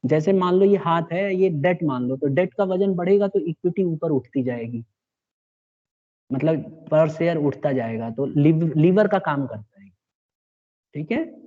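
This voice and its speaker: A man's voice: fairly high pitch, expressive, measured pace. Male teacher lecturing a class, dull lo-fi sound. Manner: explains step by step, checks in with students.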